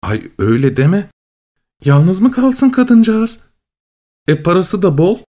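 A man's voice: sits high, sing-song, slow, warm tone, pitched above the performer's own voice, exaggerated voice. A man doing a chatty gossiping mother. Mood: gossipy.

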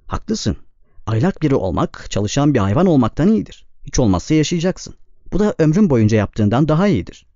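A man's voice: a little high, very animated, a little fast, dark tone, no echo, voice pushed up. A man voicing a firm, restless young male laborer who speaks with emphasis, in a slightly dull, dry recording. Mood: emphatic.

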